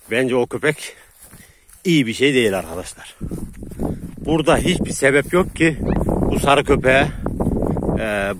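A man casually talking to viewers while herding sheep with his dogs outdoors, laughing often and calmly calming the dogs. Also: medium pitch. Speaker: shepherd vlogger. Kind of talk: casual outdoor vlog narration. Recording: outdoor noise, wind and animals.

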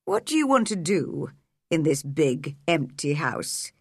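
A woman playing a weary, gentle old gentleman. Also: sits low, big pitch swings, husky, no room sound, studio quality, voice pushed down, exaggerated voice. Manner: slow, gentle, tired. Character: weary, sad, kindly older gentleman.

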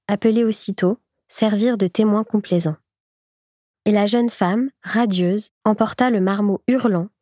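A woman reading a classic short story aloud in even, clear storytelling narration. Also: mid-range voice, no room sound, studio quality. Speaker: audiobook reader. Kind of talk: scripted literary narration.

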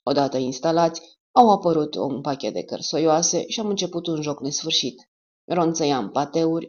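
A woman narrating a war novel as an audiobook in a steady storytelling manner. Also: deep voice. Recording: dull lo-fi audiobook recording.

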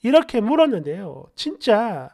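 A woman's voice: mid-range voice, big pitch swings, normal speed, warm tone. A woman reading a story aloud in an indignant, confiding way. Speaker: story narrator.

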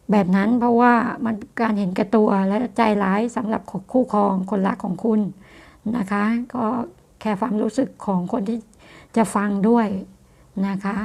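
A woman astrologer talking her way through a horoscope reading in a loose, repetitive monologue, softening her sentences with polite particles. Her voice sits a little high and carries a steady gravelly fry. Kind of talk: fortune-telling monologue.

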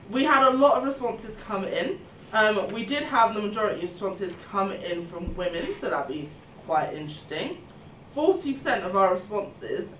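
With a mid-range, fairly bright voice, a woman in her twenties leads a panel podcast as host and student union welfare officer, half scripted and half conversational. She's recorded indoors in a meeting room on a table microphone set a little far off, so there's echo and background noise.

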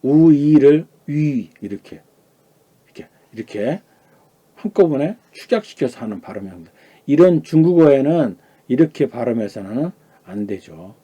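A man teaching Chinese pronunciation in a lecture, asking the class questions and answering them himself, calling out each sound loudly and high before dropping to a quiet aside. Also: sing-song, moderate pace, breathy edge, muffled recording.

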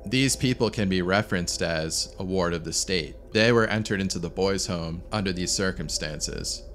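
A man reading a scripted true-story narration in a measured, serious way. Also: low-pitched, fairly bright tone, a little hiss or hum. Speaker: channel narrator. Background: faint background music.

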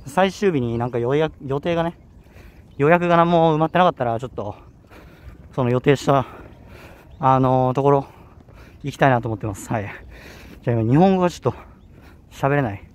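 A man's voice: medium pitch, a little fast, pauses often. A young man with a Kanto accent talking casually while walking a hilly campus outdoors, slightly out of breath and often correcting himself. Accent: Kanto Japanese. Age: young adult. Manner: rambling, self-correcting, chatty. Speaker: vlogger. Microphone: handheld camera.

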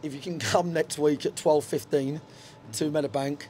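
This middle-aged man's voice sits on the high side, warm and steady in tone, at a normal speed. He's a football manager talking frankly in a post-match dugout interview at a stadium, with many fillers and restarts. The handheld reporter mic adds a little hiss or hum.

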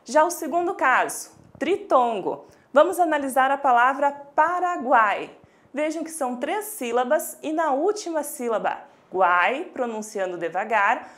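A woman teacher with a Brazilian Portuguese accent giving a scripted video lesson, speaking lively and directly to students and drawing out syllables slowly. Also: high voice. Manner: clear, drawn-out syllables for pronunciation.

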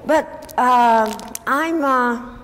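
An older woman with a high-pitched voice gives a casual slide talk to a forum audience in a meeting hall. She speaks slowly and haltingly, restarting often and using many fillers. The hall is echoey, with faint background noise.

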